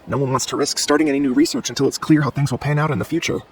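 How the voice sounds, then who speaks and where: A man's voice: medium pitch, steady tone, rapid-fire, slight background noise, lightly acted. An actor playing a nervous, chatty, hesitant young male researcher in a video game. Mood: candid.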